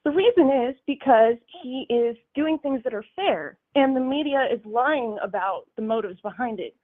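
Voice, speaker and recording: High woman caller, metallic phone voice. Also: lively intonation. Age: 20s. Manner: measured, explains point by point. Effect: metallic, robotic-sounding phone line. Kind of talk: phone-in political debate. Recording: tinny metallic phone line.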